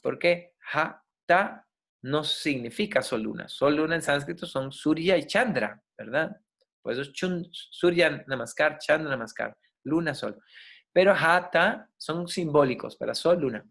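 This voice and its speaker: A man's voice: on the high side, vocal fry, fairly bright tone. Man teaching a yoga class. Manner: explains slowly, spells out and repeats Sanskrit words; checks in with listeners, asking ok and right. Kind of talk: classroom lecture.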